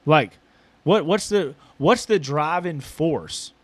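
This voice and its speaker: A man's voice: a little high, lively intonation, slow, no echo. A man hosting a casual podcast chat who talks hesitantly, stumbling and repeating his words as he questions his co-host, recorded in a small building.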